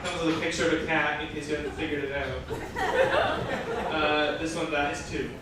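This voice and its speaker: This man's fairly high voice barely moves in pitch as he reads at a moderate pace, turning a live indoor event into comic theater. He keeps interrupting himself with incredulous, mocking asides full of swearing. The recording picks up an echoey, noisy room and crowd sounds, with the mic well away from him.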